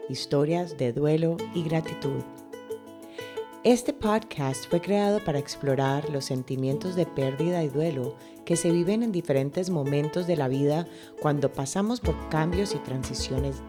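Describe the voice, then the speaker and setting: A woman host reading a scripted podcast introduction in a calm, measured way. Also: low voice. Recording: guitar music underneath.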